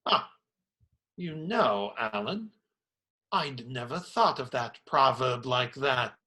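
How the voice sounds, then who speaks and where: An actor playing a kindly, proper medieval friar in a radio play, measured, pious and a little fussy. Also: male voice, medium pitch, lively intonation, sharp tone. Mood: thoughtful. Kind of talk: theatrical radio play acting.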